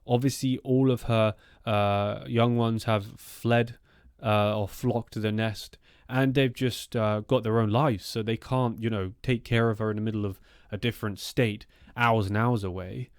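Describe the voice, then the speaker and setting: A man's voice: fairly low pitch, steady tone, measured pace, clear, resonant tone, no echo, clean studio sound. A man narrating strange true encounters as a storytelling host, in a conversational, rambling way with informal asides.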